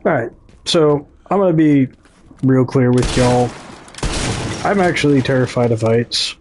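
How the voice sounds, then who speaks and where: A man's voice: mid-range voice, a little slow, noisy background. A man with a Midwestern American accent giving casual gameplay commentary, chatty and talking straight to his viewers, often correcting himself mid-thought. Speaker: gaming YouTuber.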